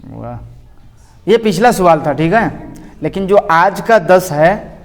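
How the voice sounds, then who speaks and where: A man's voice: high-pitched, animated, slow. A man who teaches religion, running a classroom quiz and roll call. He teases and scolds his pupils and calls them "son". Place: classroom with children. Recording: echoey room reverb.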